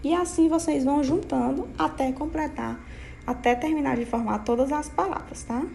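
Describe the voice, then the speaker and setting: A young adult woman with a Brazilian accent, a primary school teacher dictating syllables slowly and patiently to small children, in a sing-song way that checks in often. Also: high voice, gravelly, mellow, slight background noise. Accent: Brazilian Portuguese.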